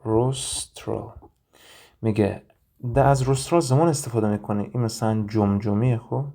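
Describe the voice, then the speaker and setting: A man teaching an anatomy lesson, explaining each term step by step, asking and answering his own questions and thinking aloud with pauses. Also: fairly low pitch, mellow. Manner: thinks aloud with frequent hesitation sounds. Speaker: anatomy instructor. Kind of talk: recorded lecture with drawing and reading.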